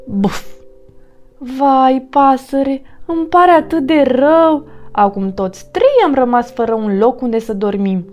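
A woman's voice: mid-range voice, expressive, hardly any pauses, dark tone, faint music behind, lightly acted. A woman doing an eager storybook rabbit. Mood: dismayed. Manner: exclaiming, cheerful, a little pleading. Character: clumsy carrot-loving male rabbit, eager.

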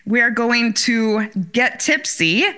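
A woman's voice: a little high, slow, sharp tone, clean tone. A woman hosting a podcast in a casual, chatty style. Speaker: podcast host. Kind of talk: casual hosted chat.

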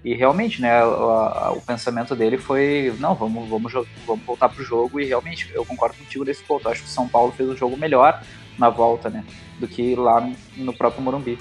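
A man's voice: mid-range voice, steady tone, fairly quick. A man with a gaúcho accent in casual, colloquial sports chat, often ending phrases with tag questions. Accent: southern Brazilian, gaúcho. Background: music under the talk.

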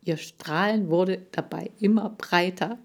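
A woman narrating a children's book aloud in the first person, lively in tone. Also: fairly low pitch, unhurried. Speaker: audiobook narrator.

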